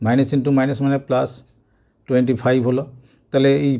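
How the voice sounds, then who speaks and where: A man's voice: mid-range voice, monotone, dark tone. A man teaching a maths lesson to school students, explaining step by step and repeating key points. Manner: slow, step-by-step explaining with repetitions.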